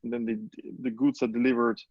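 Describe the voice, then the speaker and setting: A man hosting a webinar conversation, who speaks haltingly with lots of "like" fillers. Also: mid-range voice, level tone, dry recording. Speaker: webinar host. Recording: dry, dull video call audio.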